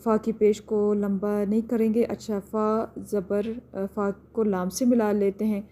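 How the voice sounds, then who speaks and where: A woman's voice: mid-range voice, flat delivery, dark tone. A woman teaching a tajweed lesson, patiently explaining each step and drawing out words as she recites.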